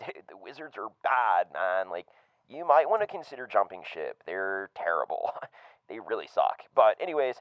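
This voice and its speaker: A man's voice: fairly low pitch, very animated, normal speed, dry recording, muffled recording. A man playing a laid-back rich surfer-bro caller who drawls with lots of "dude" and "like". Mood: breezy boastful. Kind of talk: comedic prank call bit.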